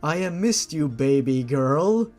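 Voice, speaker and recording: A man voicing a formal, gentle monster patriarch who speaks fondly and solemnly in a story reading. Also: fairly high pitch, lively intonation, takes it slowly, soft background music. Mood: formal, welcoming.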